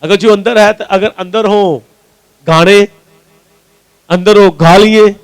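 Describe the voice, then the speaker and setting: Slow and smooth, his high voice stays fairly even as this Punjabi-accented Pakistani pastor delivers a sermon over poor audio. He asks his congregation questions, supplies the answers himself, and repeats key lines to drive them home.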